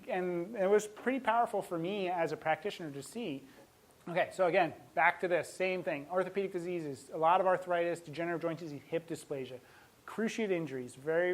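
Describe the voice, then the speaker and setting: A man's voice: a little high, poor audio. A man, a veterinarian, giving a talk to an audience, telling stories with emotion and laughing often.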